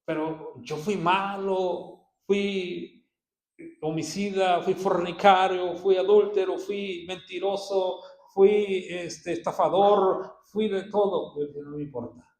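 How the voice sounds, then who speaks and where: A man preaches in a church hall, his voice sitting a little high for a man. He swings between hushed, low passages and loud, ringing bursts of praise. The room adds a clear echo around every phrase. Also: steady tone, takes it slowly. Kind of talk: sermon.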